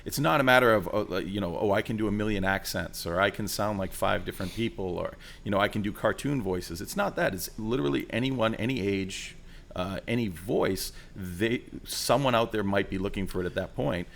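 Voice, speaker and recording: A man's voice: lowish voice, brisk, vocal fry, a bit bright, a little hiss or hum. A man hosting an interview, asking curious questions and summing up what his guest says. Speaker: interviewer, host.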